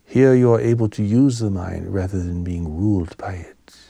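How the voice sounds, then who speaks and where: Low-voiced and soft, this spiritual teacher preaches a sermon in calm, solemn, gentle tones. Each short, measured phrase fades into breathiness, and the recording has no room sound.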